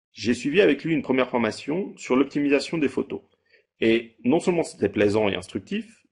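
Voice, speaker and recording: A man in his thirties giving a measured, read-aloud testimonial as a holiday rental owner. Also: mid-range voice, creaky, darkish tone, slightly rough. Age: 30s. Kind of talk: scripted testimonial.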